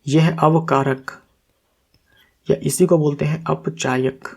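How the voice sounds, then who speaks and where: A man's voice: a little high, fairly even intonation, slow, gravelly, a little mellow. A man teaching as an exam-prep tutor, walking step by step through quiz answers, asking questions and answering them himself. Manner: corrects himself aloud.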